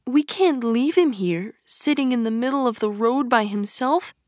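A woman's voice: sing-song, unhurried, a little mellow, breathy edge, no echo, studio quality, exaggerated voice. A woman voicing a timid male mole who asks anxious questions in a raised, fretful voice. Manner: anxious, higher-pitched questions.

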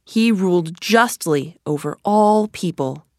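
A woman reading a storybook aloud as narrator, slow, clear and measured. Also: fairly low pitch, animated, a little mellow, no echo, clean studio sound.

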